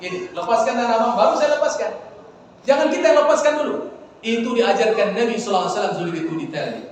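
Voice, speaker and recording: A man preaching a lively mosque sermon, joking with the audience and acting out greetings. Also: high voice, racing. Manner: playful, acts out greetings, jokes with the audience. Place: large mosque hall. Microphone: far front-facing phone camera. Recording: echoey hall, distant mic, faint noise.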